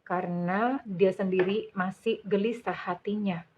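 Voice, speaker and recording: A middle-aged woman with a Javanese-influenced Indonesian accent gives her viewers a soothing tarot reading, calling them "dear" and referring to herself as Bunda. Her mid-range voice holds a steady tone at a slightly slow pace. The recording is muffled, with a little hiss or hum.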